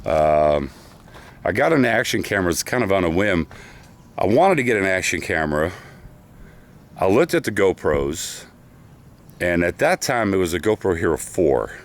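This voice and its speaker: Deep-voiced man vlogging about gear. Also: sing-song, moderate pace, pauses often. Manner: chatty, enthusiastic about gear. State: slightly out of breath. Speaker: product review vlogger. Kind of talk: casual talking-head vlog. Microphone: camera's built-in microphone.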